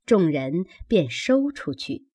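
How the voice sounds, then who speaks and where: A woman reading a classic novel aloud as audiobook narration, measured and expressive. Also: on the low side, breathy edge. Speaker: audiobook reader.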